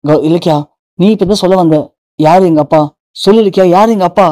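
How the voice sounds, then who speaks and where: Narrator doing a young guy begging to know who his dad is, mellow, dry sound. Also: medium pitch, fast talker, no room sound, natural voice. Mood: pleading. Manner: pleading, insistent. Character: desperate young man demanding to know his father.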